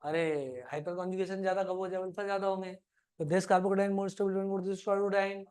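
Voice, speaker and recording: High-voiced, teasing male chemistry teacher. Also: flat delivery, moderate pace, darkish tone, smooth. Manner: teasing, chatty, scolds students playfully; calls students "beta". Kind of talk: live classroom lesson.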